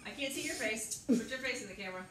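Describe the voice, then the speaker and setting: A woman's voice: fairly high pitch, fast talker, fairly bright tone. A woman chatting casually from behind the camera at home, teasing and prompting like a mother filming her child. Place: indoors, home living room and kitchen. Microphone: camera mic, off camera. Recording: echoey room, distant, faint noise.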